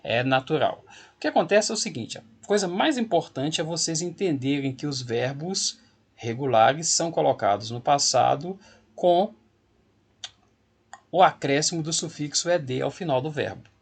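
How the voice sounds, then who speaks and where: A man's voice: on the high side, expressive, moderate pace, breathy edge. A man teaching an English grammar lesson to school students, explaining patiently and repeating key points to reassure them.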